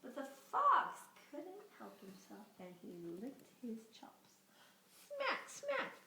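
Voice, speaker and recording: A woman reading a picture book aloud to young children in an animated way, pausing to ask them questions. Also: sits high, gravelly, very noisy. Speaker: storybook reader.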